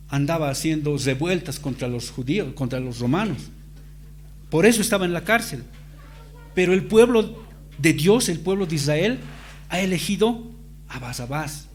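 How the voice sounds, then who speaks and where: A man delivers a sermon in a notably high voice. He presses his points with emphasis and stacks repeated phrases. A faint hum sits underneath. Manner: emphatic, dramatizes quoted dialogue. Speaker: preacher.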